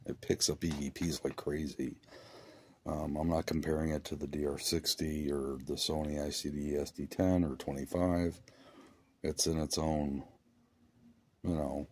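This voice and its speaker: A man's voice: rumbling low, darkish tone, slightly rough, no echo. A man casually explaining things as the host of a paranormal research vlog.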